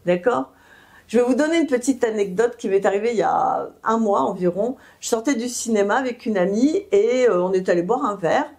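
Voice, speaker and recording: A woman's voice: on the high side, lively intonation, fairly quick, a little mellow. A woman giving self-help advice, explaining steps didactically and often checking in with listeners, with hesitant fillers between phrases. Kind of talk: advice talk to camera.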